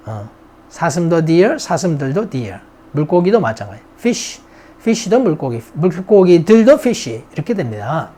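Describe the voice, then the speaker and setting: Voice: mid-range voice, very animated, a little slow, mellow. An English grammar teacher, drilling vocabulary in a recorded lesson and chatting to the students between words.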